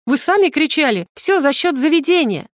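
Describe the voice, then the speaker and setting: Young student heroine, flustered and defiant, lifted high voice, dry close sound; a woman reader puts her on. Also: expressive, moderate pace, no room sound. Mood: indignant. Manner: high, exclaiming, argumentative. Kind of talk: audiobook character voice.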